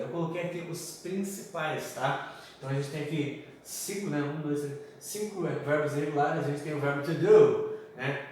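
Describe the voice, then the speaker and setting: A man's voice: on the high side, recorded from a distance. A man teaching a lesson from slides in a chatty way, with a Brazilian Portuguese accent, often checking in with his students. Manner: chatty, repeats "galera" and "tá?". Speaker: English teacher. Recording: echoey room, voice off-mic, faint background noise.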